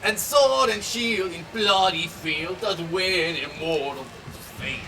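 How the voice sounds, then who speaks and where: A man playing a blustering comic soldier in exaggerated, drawn-out Shakespearean olde speech on stage. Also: high voice, pushed and bright, exaggerated voice. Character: blustering, pleading comic old-time soldier. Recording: distant, very noisy outdoor stage recording.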